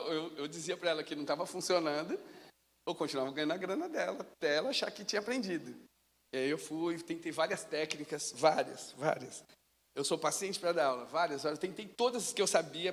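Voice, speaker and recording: Guy preaching, high voice, long church echo, chatty storytelling. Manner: storytelling, animated, casual. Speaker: pastor. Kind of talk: sermon. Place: church sanctuary. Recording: long reverb of a church hall.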